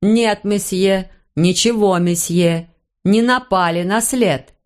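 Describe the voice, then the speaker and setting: A woman reading a flat-voiced deaf concierge. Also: medium pitch, lightly acted. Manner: flat, toneless, slow. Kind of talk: audiobook character voice.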